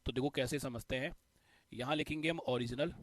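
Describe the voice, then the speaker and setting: A man's voice: mid-range voice, a little fast, dry recording. A male teacher explaining a math concept step by step, repeating the key points. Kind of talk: exam-prep math lesson.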